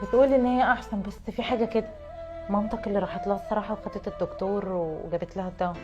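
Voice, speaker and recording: A woman's voice: medium pitch, fairly even intonation, muffled recording, over music, close to an everyday voice. A woman playing a stingy Egyptian wife. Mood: sulky. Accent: Egyptian Arabic. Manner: quick, argumentative, whiny. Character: stingy, defensive young wife. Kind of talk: web comedy sketch acting.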